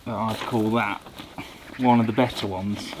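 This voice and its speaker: A woman's voice: rumbling low, fairly even intonation, measured pace, heavy background noise. A woman vlogging her camper van build in a cheerful, chatty way, with some mild swearing, outdoors in a village. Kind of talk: casual vlog chat.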